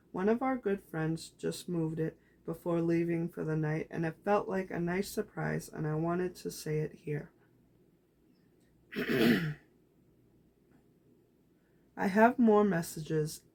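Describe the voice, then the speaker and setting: Reading her handwritten journal entries aloud, a woman vlogger sounds calm and reflective. Her voice sits on the low side and grows raspy as she goes.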